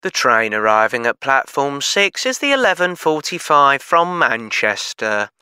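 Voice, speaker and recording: A man's voice: medium pitch, very animated, bright, forceful tone, clean tone, no echo, studio quality, full character voice. A man reading as a train station announcer. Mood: formal. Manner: formal, measured announcement delivery. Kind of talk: scripted exam recording.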